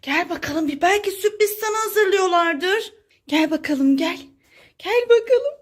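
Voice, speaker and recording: A woman's voice: very high voice, expressive, measured pace. A woman hosting a children's toy play video, exclaiming and coaxing as she talks to kids.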